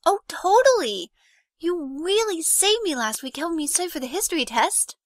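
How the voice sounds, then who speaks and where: A woman's voice: very high voice, big pitch swings, moderate pace, dry recording, clean studio sound. A woman voicing an eager, hopeful teenage schoolgirl with a bubbly, blunt manner in a fan audio drama.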